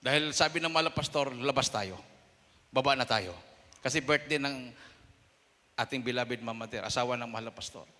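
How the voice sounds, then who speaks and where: Bright-voiced Filipino preacher in echoing hall. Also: male voice, mid-range voice, normal speed, long pauses. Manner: storytelling, acting out quoted voices with sudden loud bursts. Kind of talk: sermon testimony. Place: church hall. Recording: long hall reverb.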